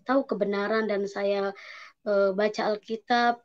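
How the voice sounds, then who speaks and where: Lady telling her faith testimony, earnest, lots of pauses and ums, kinda muffled lo-fi sound. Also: mid-range voice, flat delivery. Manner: hesitant, halting, with many pauses and fillers; emotional and earnest. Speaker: convert giving a testimony. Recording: dull lo-fi sound.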